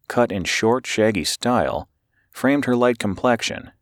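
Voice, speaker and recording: A man narrating an audiobook in a steady, measured way and voicing the characters as he goes. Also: fairly low pitch, dry recording, clean studio sound.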